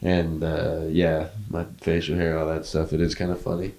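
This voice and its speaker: A man's voice: extremely low pitch, completely flat delivery, moderate pace, vocal fry, dark tone. Laid-back young man hosting, echoey room. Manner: laid-back, swears casually, laughs often. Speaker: podcast host. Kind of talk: casual chat.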